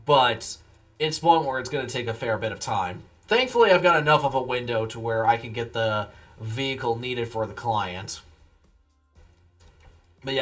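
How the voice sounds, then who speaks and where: A man's voice: medium pitch, a bit bright. A man live streaming, chatting casually with viewers in a laid-back, rambling way. He sounds tired after a long day. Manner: laid-back and rambling, replies to chat messages.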